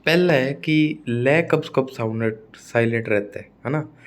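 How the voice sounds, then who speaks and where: A young man with a Hindi-speaking Indian accent teaching exam phonetics, drilling words slowly and checking in with students. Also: mid-range voice. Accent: Hindi-speaking Indian English. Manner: slow, repetitive drilling with frequent checks. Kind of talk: classroom lecture on phonetics.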